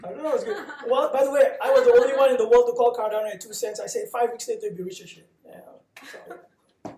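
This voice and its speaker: A man's voice: very high voice, fairly even intonation, quick pace, noisy background. A man from Singapore speaking as a panelist, talking with emphatic, punchy confidence. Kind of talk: live panel talk. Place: coworking space event room. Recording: echoey room from far off.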